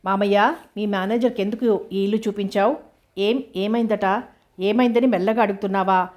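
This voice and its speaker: A woman voicing a young orphaned woman who speaks with sharp, indignant questions, in a narrow flat tone. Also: medium pitch, moderate pace, lightly acted.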